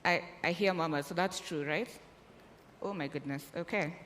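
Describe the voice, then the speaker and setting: A Kenyan woman moderates a live conference panel in a large hall, speaking at a moderate pace in a fairly low, slightly bright voice. She is friendly and jokes with the audience, and the recording has long hall reverb and faint room noise.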